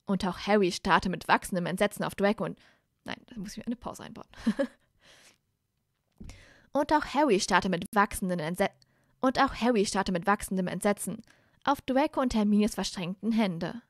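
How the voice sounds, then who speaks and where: A woman's voice: mid-range voice, lively intonation, normal speed, dry recording. Woman reading a story live, dry sound. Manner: frequent restarts and self-corrections. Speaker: audiobook reader. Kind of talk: live reading of fan fiction.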